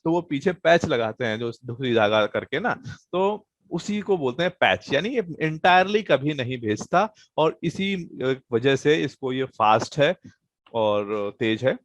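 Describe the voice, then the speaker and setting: A man's voice: mid-range voice, expressive, measured pace, dry recording. A man teaching a programming class online, explaining casually and checking in with students, with plenty of fillers. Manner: explains casually, many fillers and "thik hai" check-ins.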